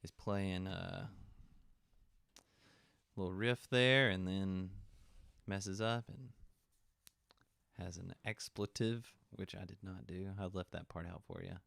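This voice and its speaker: A man who works as a music therapist, talking quietly and casually about songs on a live stream. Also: sits low, slow pace, vocal fry, pauses often, no room sound, studio quality.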